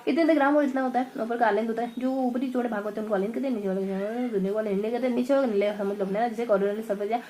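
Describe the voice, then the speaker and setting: A woman revising her notes aloud in a casual study session, thinking out loud and stumbling over half-remembered words. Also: fairly high pitch, steady tone, racing, few pauses, slight background noise, rough recording.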